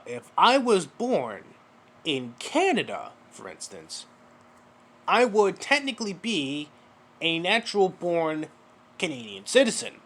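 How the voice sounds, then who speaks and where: A man's voice: a little high, fairly bright tone. A man giving mocking reaction commentary, sarcastic and profane, lecturing the person in a clip.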